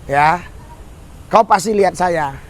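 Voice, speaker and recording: A man's voice: sits high, slow pace. A man preaching a sermon to a congregation outdoors under a bridge, exhorting them and calling for their amens and hallelujahs. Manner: exhorting, calls for amen and hallelujah, addresses the crowd as "saudara".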